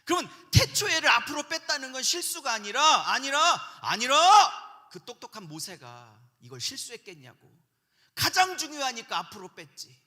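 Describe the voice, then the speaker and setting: Brief: male pastor, bright piercing tone, lively call-and-response preaching, big church hall reverb. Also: very high voice, normal speed. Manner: animated, call-and-response with the congregation. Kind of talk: sermon lecture at a pastors' seminar. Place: large church sanctuary. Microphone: handheld microphone.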